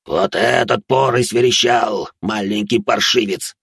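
A man's voice: lowish voice, creaky, fairly bright tone, breathy edge, no echo, clean studio sound, heavily acted. A man doing a vile demonic voice. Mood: hissing. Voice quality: demonic, unnatural timbre. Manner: slow, hissing menace. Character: nasty demon with a rasping, slowed voice. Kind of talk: audiobook character voice.

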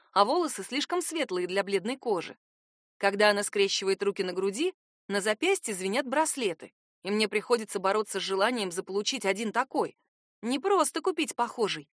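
A woman giving first-person novel narration for an audiobook, in an even, wry storytelling manner. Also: a little high, no echo, clean studio sound.

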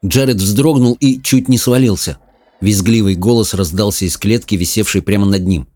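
A man reading an audiobook in an even, measured manner. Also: on the low side, dry recording. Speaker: narrator. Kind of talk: audiobook narration.

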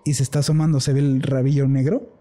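A man with a Mexican accent telling a personal paranormal story as a guest, earnest and animated. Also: medium pitch, fast, faint music behind. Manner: earnest, animated storytelling, switches into quoted voices.

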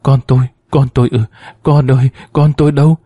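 A man's voice: medium pitch, level tone, fairly quick, mellow, no echo, studio quality, natural voice. A man reading a story, voicing a distraught, grieving woman with a pleading, sobbing manner. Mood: anguished. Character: distraught grieving middle-aged woman, desperate mother.

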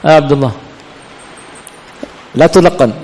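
A teacher of hadith and grammar leads a classroom lesson in the lecture hall of an Islamic study center, quizzing students and then answering his own questions. His voice is on the high side, a little mellow, at a normal speed. Long hall reverb and faint room ambience fill the recording.

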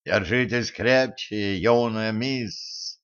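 A man's voice: on the low side, very slow, fairly bright tone, clear, resonant tone, lo-fi sound. A man voicing a polite, formal male servant who is a shape-shifting bat. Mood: courteous. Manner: courteous, formal.

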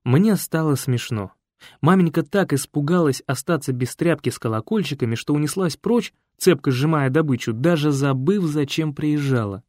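Male narrator, calm wry reading, lively pitch, dry close recording. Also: normal speed, dry recording. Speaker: audiobook narrator. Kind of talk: scripted first-person narration.

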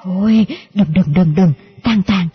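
A woman's voice: medium pitch, measured pace, breathy edge. A woman voicing a tearful, doting old grandmother, fussing and repeating herself in an audiobook. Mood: soothing. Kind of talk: audiobook character voice. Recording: dull lo-fi audio with faint music.

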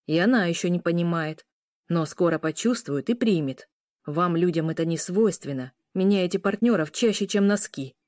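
A woman's voice: on the low side, normal speed, darkish tone, no echo, clean studio sound, lightly acted. A woman doing a blunt, lecturing werewolf uncle. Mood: stern.

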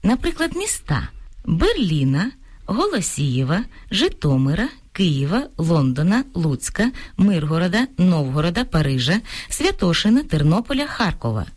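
A woman with a lowish, breathy voice reads from a script as a radio co-presenter. Her pitch moves with lively rises and falls as she calmly works through lists of examples. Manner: clear, deliberate listing of examples. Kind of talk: scripted educational radio talk. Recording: radio studio broadcast.

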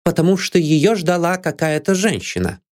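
A man voicing a sharp, haughty young lady's maid who is suspicious and quick to take offence, in a read-aloud storybook. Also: big pitch swings. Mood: scornful. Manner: shrill and indignant.

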